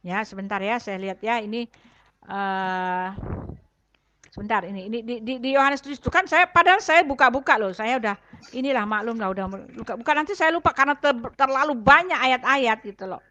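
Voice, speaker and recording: A church elder giving testimony talks casually through scripture, thinking out loud as she searches for Bible verses. Her voice is on the high side, fairly fast, and sharp.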